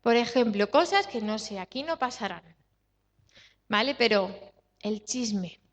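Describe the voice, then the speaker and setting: A woman's voice: on the high side, expressive, measured pace. Woman pastor preaching in a reverberant church. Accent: Spanish from Spain. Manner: emphatic, repetitive, rhetorical questions to the congregation. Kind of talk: sermon. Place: church hall. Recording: dull sound with long hall reverb.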